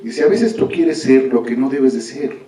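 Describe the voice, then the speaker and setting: A man's voice: mid-range voice, normal speed, dark tone. A man, an author telling a story aloud to an audience in a conversational way, often tagging lines with a questioning "no?". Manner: conversational, with frequent "¿no?" tags. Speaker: author presenting his book. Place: large formal hall. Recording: echoey hall from far off.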